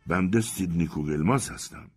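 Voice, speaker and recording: A man's voice: low-pitched, husky, faint music behind. Man as a nervous middle-aged professor. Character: anxious middle-aged male professor, restless and eager.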